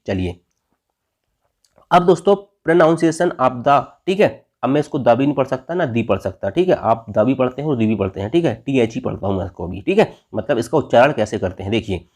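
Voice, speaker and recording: A man's voice: medium pitch, a little mellow. An Indian man teaches an exam-prep grammar lesson in a mid-range voice. He keeps asking his own questions and answering them. He closes almost every phrase with "theek hai".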